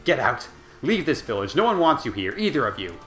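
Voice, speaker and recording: A man voicing a cruel village bully boy who sneers and shouts. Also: fairly low pitch, sing-song, moderate pace, faint music behind. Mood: shrieking angry.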